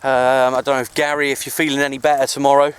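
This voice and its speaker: On a handheld camera out in the countryside, an amateur CB radio hobbyist vlogs about his outdoor pastime. His mid-range voice is smooth and flat in delivery, and he talks fast in a casual, rambling, easygoing way.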